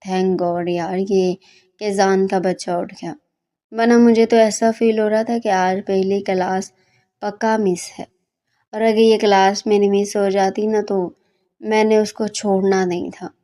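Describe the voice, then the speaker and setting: A fiery young female student, put on by a woman narrator nags and scolds with impatience in a storybook reading. The voice is soft and mellow despite the temper. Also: medium pitch, flat delivery, unhurried, close to an everyday voice. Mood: impatient.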